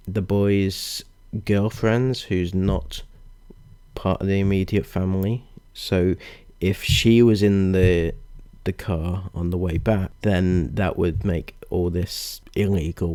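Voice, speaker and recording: A man with a fairly low voice delivers disapproving commentary at a slow pace. He is deliberate in how he sets out his points, and the sound is dry and close. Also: mellow, no room sound. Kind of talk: video commentary with read-out passages.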